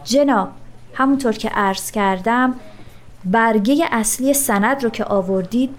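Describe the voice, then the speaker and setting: A firm woman office manager, formal and curt, voiced by a woman reading a story. Her voice sits fairly high and she keeps every word polite and businesslike. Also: natural voice.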